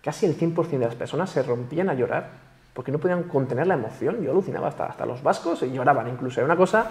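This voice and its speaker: A man, a self-esteem coach explaining on a panel talk show, who lively acts out quoted everyday dialogue. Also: a little high, rapid-fire.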